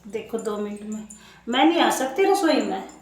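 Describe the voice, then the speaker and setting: A young woman vlogging casually from her hot home kitchen, hoarse and unwell, chatting and complaining straight to her viewers. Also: on the high side, expressive, moderate pace. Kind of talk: casual chat to camera. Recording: echoey room, faint noise.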